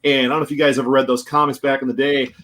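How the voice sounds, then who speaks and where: A man's voice: mid-range voice, flat delivery, very fast, fairly bright tone. A man who runs a comic shop, chatting casually on a group stream in a rambling way. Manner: chatty, rambling, laughs often. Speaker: comic shop owner, co-host. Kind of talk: casual chat.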